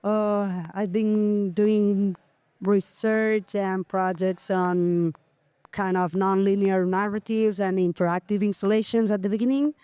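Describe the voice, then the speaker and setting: A woman's voice: mid-range voice, little pitch movement, unhurried, mellow, clean tone, no room sound. A woman in her forties, an artist guest in a casual interview, speaking hesitantly and searching for words.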